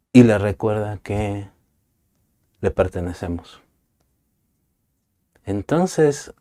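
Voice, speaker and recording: Man preaching, low mellow voice. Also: no room sound, studio quality. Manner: talks directly to listeners with rhetorical asides. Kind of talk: conversational sermon. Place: church conference.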